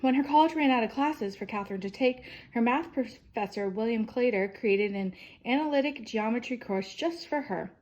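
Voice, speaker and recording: On a muffled recording, a woman whose voice sits slightly high reads aloud a children's biography from a picture book. She phrases deliberately in storytime style, pressing on sentence beginnings and softening their ends.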